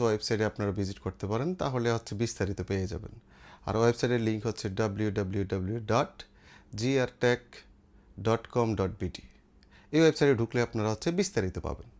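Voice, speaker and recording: A man with a Bangladeshi accent, selling products for an electronics shop, gives an informal demonstration at medium pitch. He explains each step in turn, repeats himself, and uses English trade terms.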